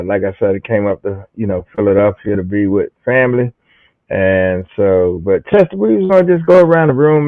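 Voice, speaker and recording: A man hosting a casual podcast chat, relaxed and rambling, with lots of fillers and "man" tossed in. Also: fairly low pitch, no echo. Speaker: podcast host. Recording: dry, slightly dull sound.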